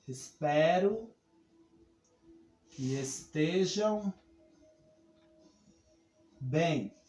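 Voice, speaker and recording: A man's voice: on the high side, expressive, extremely slow, a little mellow, faint music behind. A man with a Brazilian Portuguese accent teaching a lesson, explaining step by step and talking straight to his students. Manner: explanatory, addresses students directly with frequent "olha só". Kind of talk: classroom lesson. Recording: echoey room.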